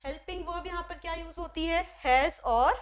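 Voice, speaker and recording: A woman's voice: very high-pitched, normal speed. A young woman teaching a grammar lesson, explaining step by step and answering her own questions, switching between Hindi and English. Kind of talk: classroom-style grammar lesson.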